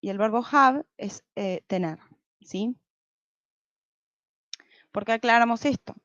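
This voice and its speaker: A woman's voice: on the high side, slow, a bit bright, dry recording, dull audio. A woman teaching a beginner English lesson over slides, patiently explaining step by step and checking in with "¿sí?".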